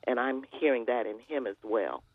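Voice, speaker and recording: An older woman, a guest on a talk show, telling family stories with animated quoting. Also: extremely low pitch, normal speed, breathy edge, phone-quality sound.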